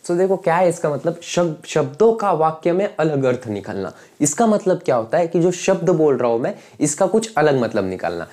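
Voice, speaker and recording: Teaching to camera, a young man moves at a moderate pace with few pauses, his slightly high, darkish voice swinging widely in pitch. He explains each idea with everyday examples and regularly asks whether viewers follow.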